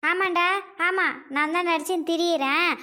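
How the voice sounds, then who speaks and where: A woman's voice: extremely high pitch, steady tone, moderate pace, sharp tone. A woman voicing a short-tempered older mother-in-law in a comedy cartoon, scolding and nagging.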